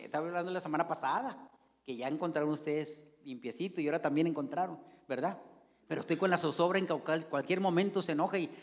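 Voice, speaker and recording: A man preaching a fervent sermon as a pastor, calling his congregation "brothers" after nearly every phrase. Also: fairly high pitch. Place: church. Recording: long reverb of a church hall.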